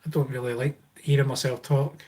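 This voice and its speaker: A man's voice: medium pitch, flat delivery, a little fast, warm tone, a little hiss or hum. A man with a Scottish accent chatting casually and informally as a livestream host, rambling as he answers viewers. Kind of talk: casual live Q&A chat, reading and answering viewer comments.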